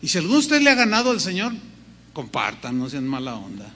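A man preaching, bright and high in pitch. He acts out small dialogues with lively voices. His voice rings with a long hall reverb. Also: quick pace. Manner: animated, acts out voices of God and believers. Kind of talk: sermon.

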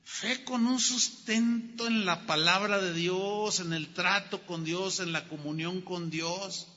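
Bright high-voiced man preaching in a hall. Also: slow pace. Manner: emphatic, repeats key words. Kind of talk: sermon with Bible storytelling. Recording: reverberant hall, dull lo-fi sound.

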